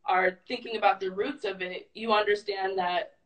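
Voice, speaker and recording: A woman's voice: mid-range voice, normal speed, distant mic, low-quality recording. A woman, a guest in a casual interview, explaining her views thoughtfully and at length. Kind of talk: casual conversation.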